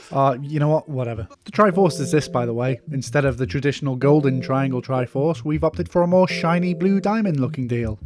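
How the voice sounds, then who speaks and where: Sarcastic man reviewing old cartoons. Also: fairly high pitch. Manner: sarcastic and mocking. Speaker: video reviewer. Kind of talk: comedic retrospective narration.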